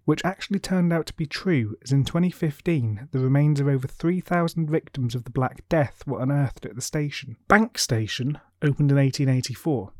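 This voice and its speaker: A man hosting a podcast, reading scripted ghost stories in a measured, explanatory way. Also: medium pitch, a little mellow, dry recording, clean studio sound. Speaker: podcast host.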